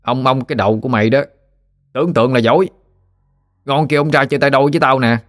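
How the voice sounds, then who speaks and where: A man's voice: medium pitch, steady tone, fast talker, pitched above the performer's own voice, natural voice. A man voicing a burly, boastful boy bully who taunts and swaggers. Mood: taunting.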